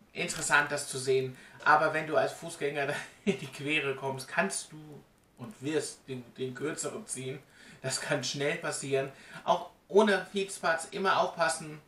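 Pitched fairly high, the German vlogger's voice sounds pushed and bright as he explains things chattily, addressing viewers directly and with emphasis. He records on a webcam in a small indoor room at home, so the sound is distant and roomy.

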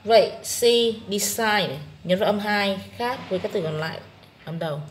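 A woman English teacher with a Vietnamese accent, calmly working through an exam-prep test one question at a time. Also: mid-range voice, slight background noise. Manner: slow, methodical explaining. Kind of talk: exam-prep lesson walkthrough.

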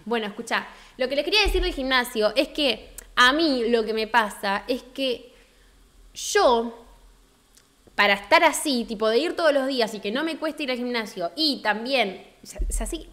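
Young Argentine woman, live-stream host: chatty, slangy, frank, and pitched a little high. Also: lively intonation, moderate pace. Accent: Argentine Rioplatense Spanish. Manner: chatty, greets viewers warmly, frank and slangy. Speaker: livestream host. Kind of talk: casual live-stream chat.

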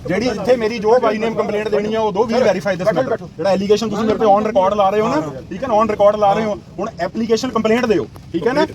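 A man's voice: high-pitched, fairly even intonation, quick pace, hardly any pauses. A man with a Punjabi accent, a police officer, firmly repeating polite requests and slipping into English phrases during a heated argument at an outdoor protest. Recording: distant mic, crowd behind.

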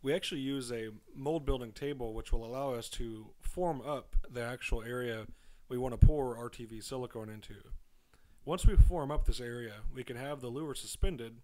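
A young man who makes fishing lures narrates a step-by-step demonstration of mold making, frequently dropping the word "actually." His mid-range voice has a slightly dark tone and moves at a normal speed, with no echo in the recording.

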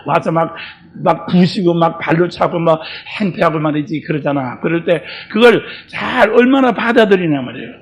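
An older man preaching a sermon as pastor. He talks to the congregation directly, swinging between shouted exhortation and quiet asides, and keeps prodding them with rhetorical questions. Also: fairly high pitch, moderate pace.

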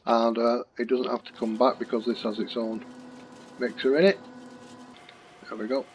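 A man's voice: medium pitch, normal speed, highs cut off, a little hiss or hum. A man, hosting casual, jokey commentary over a farming game he is playing. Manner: chatty, jokey, relaxed. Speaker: gaming channel host.

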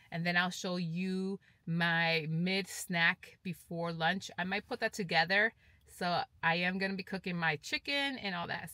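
A woman's voice: fairly low pitch, fairly bright tone, no echo. A woman, chatting casually and upbeat in a fitness vlog, motivating viewers and repeating herself often. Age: 40s. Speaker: fitness vlogger. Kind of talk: casual vlog chat to camera.

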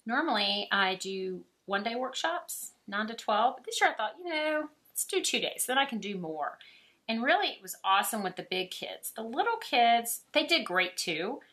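Southern art teacher lady chatting away while she paints, bright voice, laughs a lot. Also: fairly high pitch, normal speed. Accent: Southern American. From Alabama. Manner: chatty, laughing often, animated. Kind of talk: casual chat while painting.

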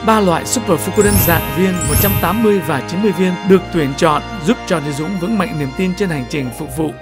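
A man's voice: a little high, fairly quick. A man giving a scripted commercial voice-over in a grand, promotional delivery. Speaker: ad announcer. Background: music.

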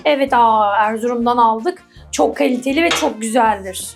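Playful high-voiced woman cooking at home. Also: moderate pace, over music. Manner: playful and teasing, laughs often. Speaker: co-host of a couple's cooking channel. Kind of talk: casual cooking vlog chat. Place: home kitchen.

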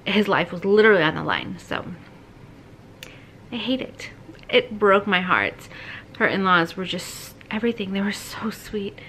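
Woman in her thirties, mid-pitched voice, casual vlog retelling, halting and conversational, faint background noise. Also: lively intonation, bright, forceful tone. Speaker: book vlogger. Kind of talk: casual chat to camera, retelling a story. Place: small bedroom, indoors.

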